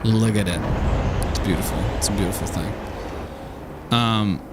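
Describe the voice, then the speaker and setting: A man's voice: on the low side, steady tone, moderate pace, heavy background noise. A man giving casual, rambling commentary as he streams a video game, wry and musing, trailing off mid-thought.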